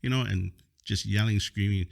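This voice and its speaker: Deep-voiced Hawaii police officer telling stories. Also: male voice, creaky. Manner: animated storyteller, quick affirmations. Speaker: police officer, podcast guest. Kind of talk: casual podcast conversation.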